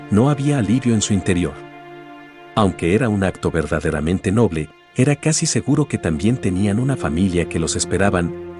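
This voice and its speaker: Low-voiced guy narrating a fantasy story, dramatic and measured, soft music behind.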